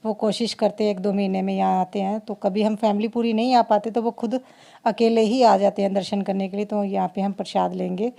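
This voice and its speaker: A woman's voice: mid-range voice, flat delivery, a little fast, creaky, dark tone. A woman, chatting through a family vlog in a rambling, heartfelt way. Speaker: family vlogger. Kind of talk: casual vlog narration.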